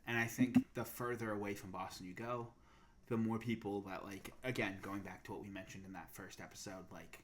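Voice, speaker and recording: This is a podcast co-host, a young Massachusetts man whose fairly low voice comes through with slight background noise. The talk is casual chat, full of fillers as he thinks aloud.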